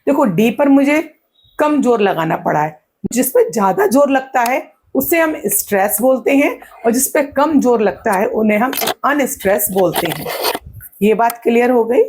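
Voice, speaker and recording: A woman teaching an exam-prep lesson, asking her own questions and answering them, and sounding words out slowly. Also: a little high, lively intonation, a little mellow, breathy edge. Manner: claps and stretches words out slowly to show syllables.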